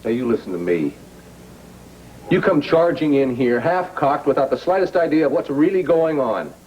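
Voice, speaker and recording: An actor playing a firm, protective newspaper publisher in a soap opera, heard from a worn VHS tape copy. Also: male voice, fairly high pitch, sing-song, normal speed, darkish tone, husky. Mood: angry. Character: stern male newspaper publisher, middle-aged. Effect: worn VHS tape copy, dull and hissy. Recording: dull lo-fi tape with faint hiss.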